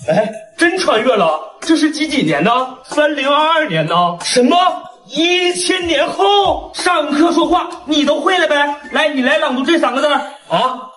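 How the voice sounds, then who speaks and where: A man voicing an excitable, theatrical classroom figure in a comedy cartoon parody. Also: very high voice, moderate pace, hardly any pauses. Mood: scolding. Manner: exclamatory, theatrical. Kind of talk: comedy skit dubbing. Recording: echoey, distant from microphone.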